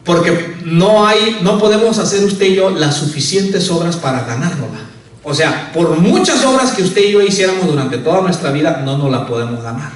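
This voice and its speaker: At a moderate pace and with lively intonation, a high-voiced male pastor preaches a sermon in a church sanctuary, climbing on key words and falling low on each "hermano." He is heard from far off in a very echoey hall.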